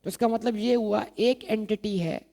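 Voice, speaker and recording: A man's voice: high-pitched, normal speed, gravelly, dark tone. A man lecturing on accounting, asking the class questions and answering them himself while repeating key terms. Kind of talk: recorded exam-prep lecture.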